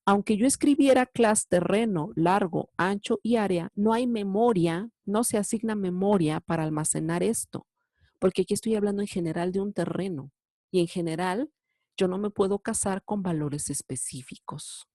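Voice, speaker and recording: A woman's voice: medium pitch, normal speed, warm tone, no echo, clean studio sound. A woman with a Mexican Spanish accent teaching a programming lesson, explaining code patiently step by step and often checking in with a questioning "sí". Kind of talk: recorded lecture explaining code.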